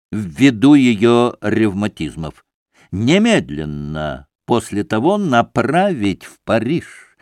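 A man's voice: mid-range voice, a little mellow, dry recording, clean studio sound. A man playing a curt, impatient doctor. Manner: clipped, stressing every syllable. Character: curt, impatient, self-important male doctor.

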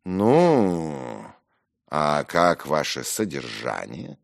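A man's voice: rumbling low, huge pitch swings, extremely slow, creaky, exaggerated voice. A man voicing a haughty, domineering young officer who talks down to others. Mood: patronizing. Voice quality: condescending, loud.

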